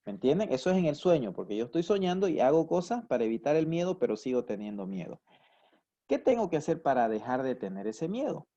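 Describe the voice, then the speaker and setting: A man's voice: mid-range voice, dark tone, highs cut off. A man giving a psychology lecture who explains with everyday examples and keeps checking that his students follow. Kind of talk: recorded university lecture.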